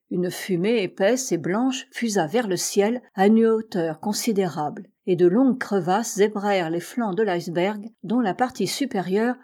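Female audiobook reader, warm dark tone, steady measured storytelling. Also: mid-range voice, slightly rough. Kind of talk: audiobook narration of a classic novel.

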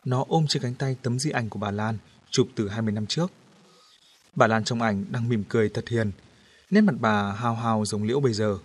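Guy narrating a horror story, husky and a bit breathy, even steady delivery. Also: lowish voice, brisk.

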